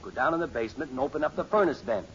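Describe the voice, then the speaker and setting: A man's voice: mid-range voice, lively intonation, rapid-fire, a bit bright, lightly acted. An actor playing a flustered middle-aged suburban father in a 1950s radio sitcom. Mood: worried. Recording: muffled, noisy old 1950s radio recording.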